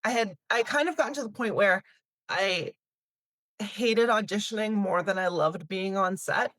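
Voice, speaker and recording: Her voice sits in the mid-range, fairly bright, at a measured pace and with no room sound. This Canadian-raised woman in her thirties runs a talent agency and chats through interview questions, laughing lightly and often restarting or using fillers.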